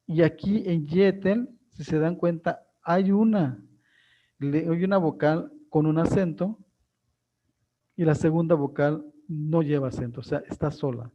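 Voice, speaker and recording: A male teacher explains a live online class, pausing often with fillers and restarts. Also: on the high side, dull audio.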